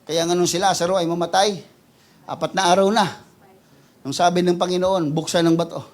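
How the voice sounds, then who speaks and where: Fiery, high-voiced Filipino pastor preaching. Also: male voice, fairly even intonation, moderate pace. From Philippines. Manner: switches between hushed pleading and loud, shouted exclamations; playful, jokes with the congregation. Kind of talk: energetic preaching sermon. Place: church.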